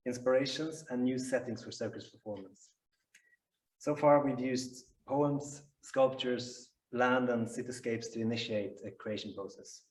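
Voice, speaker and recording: Man, circus artist; steady scripted read; distant, echoing stage sound. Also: medium pitch. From Sweden. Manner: steady, read-aloud delivery. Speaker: circus performer pitching a show. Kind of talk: reading a prepared pitch. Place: arts centre stage before a live audience. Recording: echoey hall from far off.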